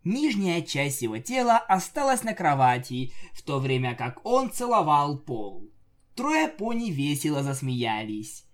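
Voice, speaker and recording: A man narrating a comic fan fiction story with lively, jokey asides. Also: a little high, unhurried. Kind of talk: comic audiobook reading.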